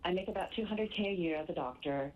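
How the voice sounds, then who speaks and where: A woman's voice: lowish voice, fast talker, over a noisy crowd. A woman in her forties calling in to a radio show, laying out her situation in an organized, earnest way. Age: 40s. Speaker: caller. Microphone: phone. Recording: tinny phone line.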